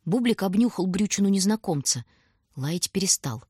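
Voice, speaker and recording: Husky woman narrating a story. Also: mid-range voice, normal speed, no echo, clean studio sound. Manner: expressive storytelling, voicing every character. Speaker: audiobook narrator. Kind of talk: scripted narration.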